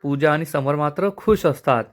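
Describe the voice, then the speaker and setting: Man, episode recap narrator, dramatic storytelling, slightly high voice. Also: moderate pace. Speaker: serial episode reviewer. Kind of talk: retelling a TV serial episode.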